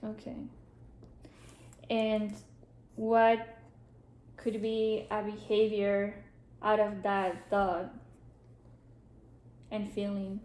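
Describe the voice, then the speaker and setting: In a role-played therapy session, a Spanish-speaking woman acting as counselor gently asks questions between many pauses and ums. She speaks in a mid-range monotone, and the room gives an echo.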